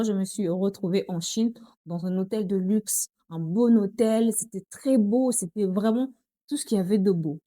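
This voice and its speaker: Talking casually to camera, a young woman vlogger with a Congolese French accent keeps addressing her viewers as girls. She has a medium-pitched, dark voice, recorded with no room sound.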